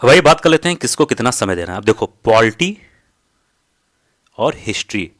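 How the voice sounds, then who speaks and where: Male exam coach, firm and repetitive, close dry sound, mid-pitched voice. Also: very animated, moderate pace, a bit bright, no room sound. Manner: direct, repeats key points, asks "ठीक है?" often. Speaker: exam prep teacher. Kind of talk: study strategy lesson.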